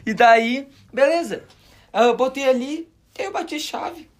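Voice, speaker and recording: A young man with a southern Brazilian accent from Rio Grande do Sul, a podcast co-host telling a story in slangy, animated casual chat. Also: extremely high pitch, a little slow.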